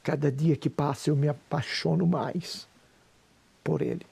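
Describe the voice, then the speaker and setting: A man's voice: a little high, fairly even intonation, unhurried, vocal fry, a little mellow, breathy edge. A Brazilian man in his sixties, a pastor, giving an emotional, preacher-like personal testimony with a Brazilian Portuguese accent. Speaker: pastor and businessman.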